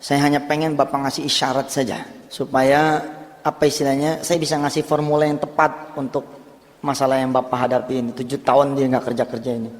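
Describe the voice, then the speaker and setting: A man preaching a sermon, telling a counseling story with lively swings between loud urging and hushed tones. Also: medium pitch, fairly quick. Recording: long hall reverb.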